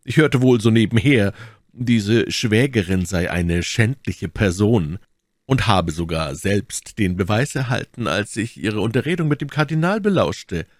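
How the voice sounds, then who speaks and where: A man voicing a refined musketeer in an audiobook reading, reading a letter carefully and softly. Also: fairly low pitch, animated, unhurried, no echo, studio quality. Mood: confiding.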